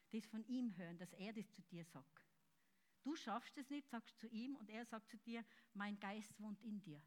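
A woman preaching a charismatic sermon, calling out loudly and then dropping to soft, close speech. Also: on the high side. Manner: fervent, swings between loud shouts and soft intimate speech.

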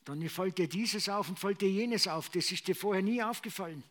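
A middle-aged man preaches in a loose, conversational way, often restarting his sentences. His voice sits high for a man. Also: fairly quick, a bit bright. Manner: conversational, frequent fillers and restarts. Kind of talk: sermon testimony.

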